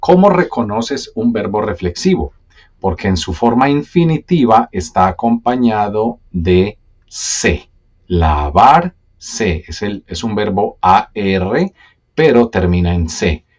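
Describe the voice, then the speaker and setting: Deep-voiced guy teaching grammar nice and slow, lively up and down, kinda husky, a bit dull lo-fi sound. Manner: patient, repeats key words, checks in with the learner. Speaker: Spanish teacher. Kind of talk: slow step-by-step grammar lesson.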